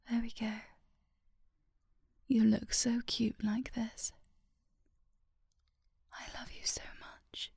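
A woman whispering a soft, affectionate, sleepy ASMR girlfriend roleplay into a close microphone. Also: on the high side, creaky, husky, dry recording. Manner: slow and soothing, sleepy.

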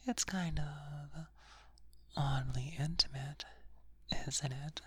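Brief: woman, low voice, breathy whispered ASMR, dry close mic. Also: fairly even intonation, no room sound. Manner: slow, soothing, attentive. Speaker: ASMR performer. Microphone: close sensitive microphone.

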